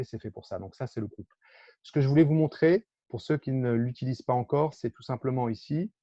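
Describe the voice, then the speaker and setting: A man from France gives an online workshop, talking through his screen share with many pauses and fillers. His voice is dark and a little husky. The sound is dry and dull, as from a computer mic on a video call. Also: medium pitch, dry recording. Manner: explanatory, hesitant with many fillers. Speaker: workshop presenter.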